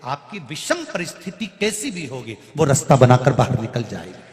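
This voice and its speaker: A man preaching a devotional scripture sermon to a large gathering, dramatic and emphatic, with sudden swings in loudness. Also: medium pitch, big pitch swings, moderate pace. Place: large hall before a crowd. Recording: echoey hall with long reverb.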